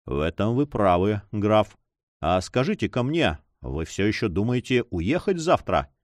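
Man voicing a gentle, worried old priest. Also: fairly low pitch, very animated, a little slow, no echo, studio quality. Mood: gentle, anxious.

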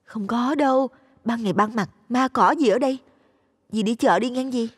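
A woman's voice: on the high side, normal speed, husky, in a large hall. Woman as a patient young daughter-in-law. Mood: calm. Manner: soothing, patient.

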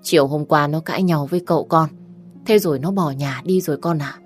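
A woman's voice: deep voice, a little fast, soft background music, natural voice. A woman voicing a worried middle-aged mother who complains anxiously about her runaway niece on the phone.

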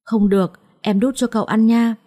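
A woman voicing an anxious, devoted young wife in a storybook reading, speaking softly and politely. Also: fairly high pitch, fairly even intonation, normal speed, lightly acted. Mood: worried, caring. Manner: soft, pleading, polite.

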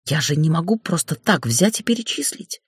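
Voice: mid-range voice, animated, moderate pace, husky, no room sound, studio quality. A narrator voicing a young female office accountant in an audiobook, pleading and then standing up to her boss. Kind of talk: audiobook character voice.

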